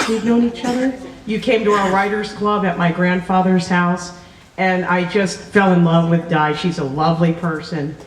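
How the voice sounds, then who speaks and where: A woman giving an effusive, slightly halting wedding toast. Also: fairly low pitch. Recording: echoey room with crowd behind.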